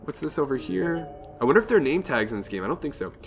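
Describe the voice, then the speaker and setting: Over soft background music, a young man talks fast and very animatedly in a fairly high voice while hosting a let's play. His cold gives him a slightly nasal sound as he chats, thinks out loud, and reads the game's text aloud.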